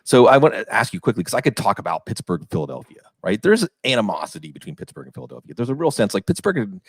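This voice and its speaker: Deep-voiced man talking fantasy football. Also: huge pitch swings, fast talker, slightly rough, dry recording, clean studio sound. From western Pennsylvania. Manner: talkative, rambling, asks questions. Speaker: fantasy football podcast host. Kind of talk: casual chat.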